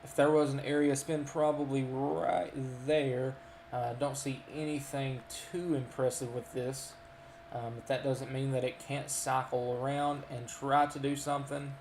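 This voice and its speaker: A man's voice: medium pitch, little pitch movement, a little slow, darkish tone, roomy sound, slight background noise. A man with a Kentucky accent giving live storm radar commentary, folksy and full of ums and uhs as he lists towns. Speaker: storm chaser and weather streamer.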